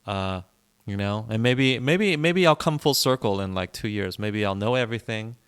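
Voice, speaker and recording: A native English-speaking man co-hosts a relaxed podcast conversation in a fairly low, clear, resonant voice with lively intonation at normal speed. He is opinionated and meandering, often going back over points and restarting sentences.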